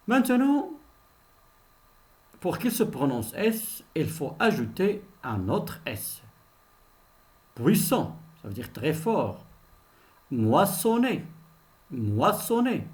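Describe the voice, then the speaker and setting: A man teaching a French pronunciation lesson, saying each example word slowly, often twice, and explaining its meaning in simple terms. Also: mid-range voice, a little mellow. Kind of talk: slow reading-lesson pronunciation drill.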